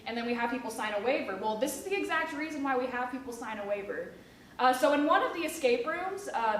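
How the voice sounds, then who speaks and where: Her voice on the high side, this Kentucky woman in her twenties talks casually in an interview, full of fillers, about her work as a museum education specialist. A little hiss or hum sits under the audio. The recording comes from a distance in an echoey room.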